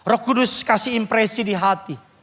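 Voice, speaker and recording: A male pastor preaching from the pulpit in a lively, humorous way, acting out the voices of his congregants. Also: high voice, normal speed, big-room sound. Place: church pulpit.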